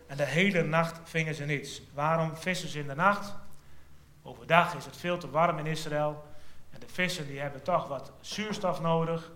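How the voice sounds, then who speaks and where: Guy preaching, storytelling sermon, bit high voice, echoey room. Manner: storytelling, drops to a hush then lifts for quoted lines. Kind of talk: sermon retelling a Bible passage.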